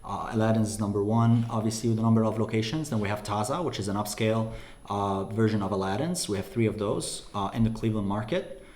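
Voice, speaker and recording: A man from Lebanon, a company president, answering interview questions with frequent "uh" pauses. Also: lowish voice, a little mellow, roomy sound. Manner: hesitant, many "uh" fillers.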